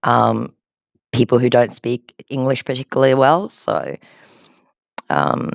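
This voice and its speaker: Creaky and a little slow, this medium-pitched voice swings widely in pitch, with no echo in the recording. The man is a scambaiter in casual phone chat with a scammer, explaining things conversationally.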